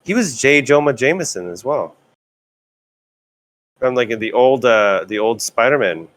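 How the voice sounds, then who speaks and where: A man co-hosting a casual podcast chat, excitable and repeating his words. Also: mid-range voice, normal speed. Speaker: podcast co-host.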